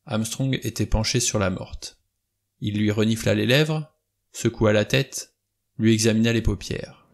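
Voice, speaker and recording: A man reading a novel aloud in steady, plain storytelling narration. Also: lowish voice, unhurried, creaky. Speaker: audiobook reader. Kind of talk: scripted narration.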